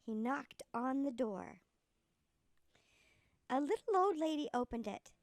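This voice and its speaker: Woman acting as sweet old granny, storybook reader, creaky, very animated intonation, close dry sound. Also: high-pitched, slow pace, dry recording, exaggerated voice. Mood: sweet, storytelling. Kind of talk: storybook read-aloud.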